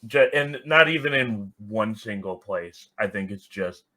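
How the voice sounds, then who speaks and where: With lively intonation and a measured pace, this man's fairly low voice comes across pushed and bright. Appearing as a podcast guest, he offers casual, reflective explanations in conversational answers and makes sure he is being understood.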